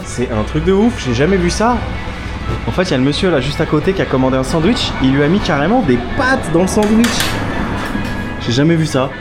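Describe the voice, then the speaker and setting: A travel vlogger chats casually to the camera at a busy local eatery, enthusiastic and full of fillers. His voice is on the high side, animated and a little fast, heard over music and street crowd noise.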